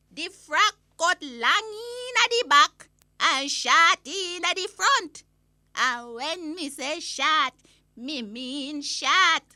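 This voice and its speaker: A woman's voice: extremely high pitch, sharp tone, no room sound, clean studio sound, exaggerated voice. A woman playing a cantankerous old Jamaican granny in a comic audio-story rant, scolding, blunt and indignant, with a Jamaican accent. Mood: disapproving.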